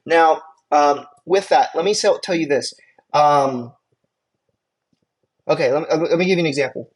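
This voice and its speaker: Casual young male lecturer, higher voice. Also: normal speed. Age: 20s. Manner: casual, filler-heavy explaining with frequent "you know" and "right". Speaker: EMT instructor. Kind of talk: recorded lecture.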